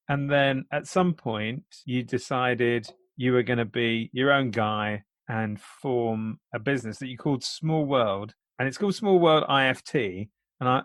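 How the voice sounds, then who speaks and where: A man's voice: medium pitch, fairly bright tone, no room sound. A man hosting a podcast interview, asking easygoing questions with a joking touch. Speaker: podcast host. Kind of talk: casual interview.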